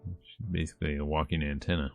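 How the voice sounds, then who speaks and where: The recording has its highs cut off, leaving a rumbling low, creaky male voice that barely moves in pitch and talks fast. He is streaming a game, reading its text aloud with joking commentary and acting out lines, over visual novel music and character voices.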